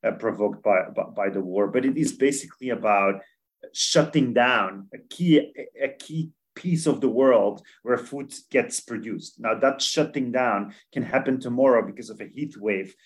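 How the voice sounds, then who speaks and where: A man's voice: mid-range voice, normal speed. A man from Belgium, answering interview questions earnestly as an expert guest, often restarting and repeating words. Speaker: podcast guest, food policy expert.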